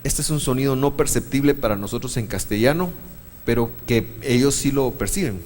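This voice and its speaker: A man's voice: medium pitch, expressive, brisk, darkish tone, long reverb tail, slight background noise. A man teaching a church Bible class, explaining step by step and quizzing his listeners. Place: church meeting room.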